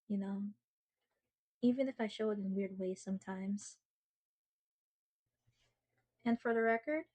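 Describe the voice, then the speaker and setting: This ASMR roleplay has a woman acting as a young girlfriend who speaks tenderly to her partner, her somewhat high voice carrying a darkish tone. Earnest and sweet, she chats along, faltering when bashful and turning to dramatic, teasing seriousness about herself.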